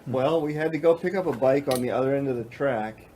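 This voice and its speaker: A man's voice: medium pitch, fairly quick, dark tone, a little hiss or hum. A man in a casual group chat, telling self-deprecating stories with chuckles.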